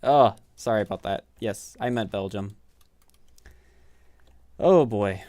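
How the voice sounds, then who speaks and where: A game streamer in his thirties from the Midwestern United States chats casually with his live viewers while gaming, rambling and poking fun at himself. His Midwestern-accented voice is fairly low, slow, and a little mellow, with no echo.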